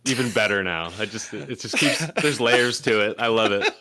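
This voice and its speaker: A man in his late thirties co-hosting a movie podcast, telling an excited, laughing story in casual chat. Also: on the low side, moderate pace. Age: 30s. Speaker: podcast co-host.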